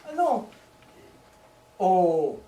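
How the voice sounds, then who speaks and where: A man's voice: high-pitched, huge pitch swings, drawn-out words, mellow, slight background noise, full character voice. A male stage actor playing a lovesick man who pleads with his lover over the phone, talking theatrically and stammering in a live comedy performance. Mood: pleading. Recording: echoey stage recording from far off.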